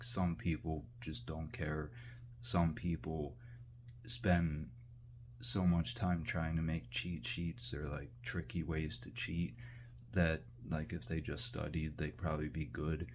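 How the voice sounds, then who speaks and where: Rambling casually to the camera as he cooks in his kitchen, this male vlogger wanders from thought to thought with plenty of fillers and restarts. He has a rumbling low, darkish voice, and a little hiss or hum is audible.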